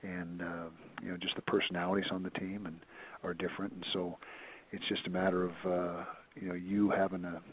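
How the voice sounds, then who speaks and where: A man's voice: sits low, flat delivery, brisk, slight background noise. A man, a college football head coach, answering reporters' questions on a teleconference, rambling with many restarts and fillers. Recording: tinny phone line.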